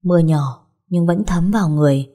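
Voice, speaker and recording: A woman calmly narrating a romantic drama story. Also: on the low side, fairly quick. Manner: calm, even storytelling.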